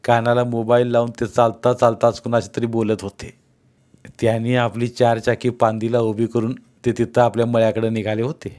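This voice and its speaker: A man reading a village story aloud in steady, even narration. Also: medium pitch, normal speed.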